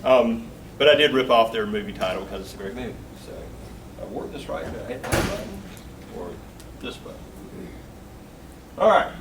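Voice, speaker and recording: A man's voice: mid-range voice, expressive, normal speed, long pauses. A man in his forties with a Southern Georgia accent, giving a joking, folksy company talk. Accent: Southern US, Augusta Georgia. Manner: folksy and joking, with filler words. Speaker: guest speaker. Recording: distant mic with faint room noise.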